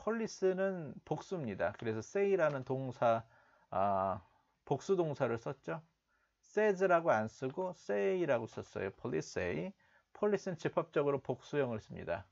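A male teacher walks listeners through an English news clip. He repeats the phrases slowly and explains them step by step. His voice comes through a dull, muffled recording. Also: mid-range voice, sing-song, gravelly, a little mellow. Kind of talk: explanatory language lesson.

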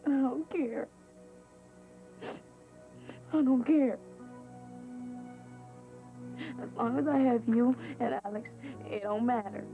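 An actress playing a teenage girl in her senior year who longs for her mother's approval, speaking haltingly and confidingly, heard from a worn VHS tape copy. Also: fairly high pitch. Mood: hurt. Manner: halting, confiding, pausing to find words. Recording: muffled lo-fi worn videotape sound with faint music.

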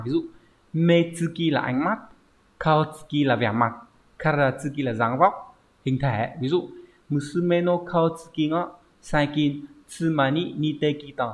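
A man teaching a Japanese vocabulary lesson online, explaining step by step and often checking with "right?". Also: medium pitch. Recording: dull lo-fi recording.

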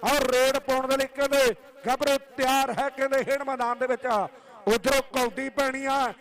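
High-pitched Punjabi man announcing kabaddi. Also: little pitch movement, moderate pace, a bit bright. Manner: declamatory, repeating phrases. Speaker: kabaddi commentator and tournament announcer. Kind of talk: live sports commentary and announcements.

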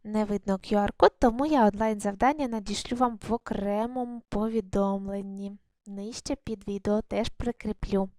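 A woman's voice: mid-range voice, fairly even intonation, normal speed, a little mellow, no echo. A woman teacher giving a recorded video lesson, patiently guiding young pupils through handwriting step by step with frequent praise. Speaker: primary school teacher.

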